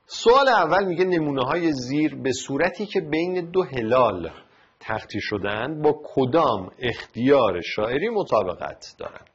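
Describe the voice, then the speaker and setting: A man's voice: mid-range voice, very animated, dull audio, a little hiss or hum. A male teacher with an Iranian Persian accent gives a recorded lesson, breaking lines of verse into syllables one at a time. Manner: spells out words syllable by syllable. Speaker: literature teacher. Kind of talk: recorded lesson explaining poetic meter.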